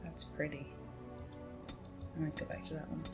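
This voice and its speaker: A woman chatting casually as she plays a video game, talking to herself with sudden high exclamations. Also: flat delivery, normal speed, over loud music. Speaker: gaming host.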